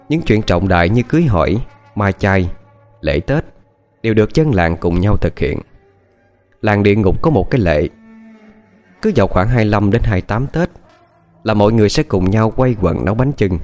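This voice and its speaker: A man narrating a ghost story audiobook in a steady storytelling voice. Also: on the low side. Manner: steady storytelling with lively intonation. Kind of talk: scripted narration.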